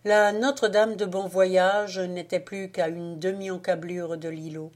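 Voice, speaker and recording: Brief: woman, low voice, very slow and measured audiobook narration. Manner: measured, expressive reading. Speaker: audiobook reader.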